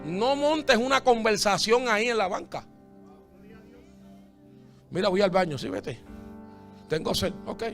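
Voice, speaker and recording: A man preaching a sermon as pastor, swinging from hushed talk to shouts and calling his listeners "amado". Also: sits high. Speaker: bishop, pastor.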